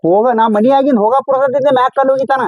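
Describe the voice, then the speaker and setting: A woman with a North Karnataka Kannada accent argues defensively as a neighbour in a comedy skit. Her voice is high, and the sound is dry and close. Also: fairly even intonation, rapid-fire, no room sound, phone-quality sound. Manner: argumentative, defensive. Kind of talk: scripted comedy skit dialogue.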